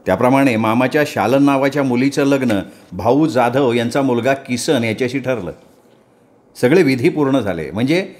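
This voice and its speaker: Man, storyteller, calm measured reading, first-person memoir narration, middle pitch. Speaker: storyteller reading a novel aloud. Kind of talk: scripted narration of a memoir novel.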